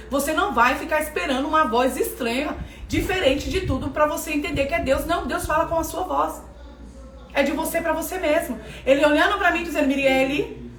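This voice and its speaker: A woman with a high-pitched, slightly bright voice and a Brazilian Portuguese accent gives an emphatic preaching lesson, repeating phrases for stress. She's recorded from far off in an echoey room with faint ambience and a little hiss or hum.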